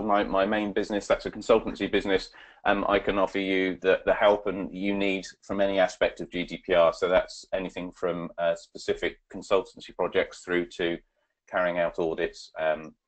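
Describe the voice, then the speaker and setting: Delivering a webinar and fielding questions, a man with a deep voice stumbles along, full of fillers and false starts.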